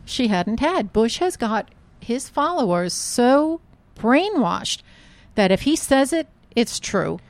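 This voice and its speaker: A woman's voice: on the high side, slow, few pauses, no echo. A middle-aged woman telling a story in a casual chat, quoting people as she goes. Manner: animated storyteller, quotes people in her own voice. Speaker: guest recounting canvassing.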